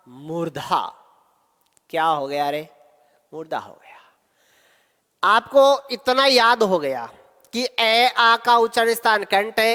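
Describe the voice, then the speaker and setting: A man teaching a grammar class at a very unhurried pace, quizzing his students and answering the questions himself. His voice carries a long reverb, as if recorded in a large hall. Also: sits high, fairly bright tone. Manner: slow, repetitive quizzing of students. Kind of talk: exam-prep grammar lesson.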